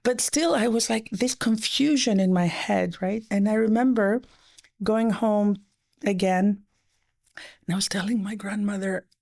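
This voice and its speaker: Speaking with a creaky, gravelly voice pitched in the middle range, a middle-aged economist whose native tongue was French chats as an interview guest. Her storytelling comes in quick, animated runs, and quotations drop into a gentle, almost whispered hush.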